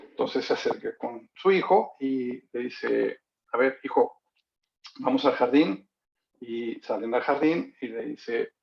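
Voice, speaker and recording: A man's voice: mid-range voice, creaky. A man, giving a sales lecture and acting out a fable between a father and his son. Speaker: sales trainer. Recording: dull lo-fi recording.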